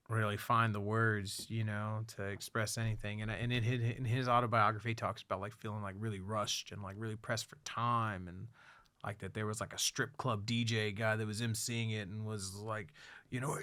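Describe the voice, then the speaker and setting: A man talks loosely on a podcast, swearing freely and piling up fillers as he tells stories. His voice sits at an ordinary pitch and sounds dry and close to the mic. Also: bright, forceful tone, clear, resonant tone, no echo. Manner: rambling, profane, many fillers, drops low when somber. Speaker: podcast host. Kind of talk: casual chat.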